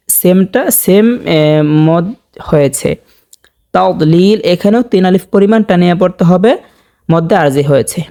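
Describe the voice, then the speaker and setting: Slow, mellow-voiced man teaching Quran recitation. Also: high voice. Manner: patient, repeats each word slowly and stretches recited vowels; addresses viewers directly as dear viewers. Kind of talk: step-by-step tajweed lesson.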